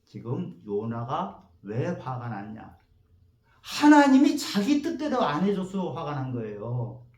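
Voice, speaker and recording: A male pastor preaching a sermon in a church, telling the story in an animated way and acting out the quotes. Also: mid-range voice, takes it slowly, roomy sound. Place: church sanctuary.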